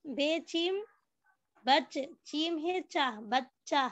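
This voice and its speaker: A woman's voice: sits high, expressive, very slow, no room sound. A woman teaching a reading lesson. She patiently repeats example words and asks questions that she answers herself. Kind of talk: reading lesson, drilling word lists. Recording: dull, dry lo-fi recording.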